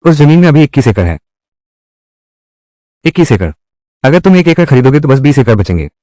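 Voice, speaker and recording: A man's voice: medium pitch, sing-song, brisk, mellow, dry recording, studio quality. A man reading all the character lines of a dubbed drama in one voice. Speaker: voice-over reader of a dubbed drama.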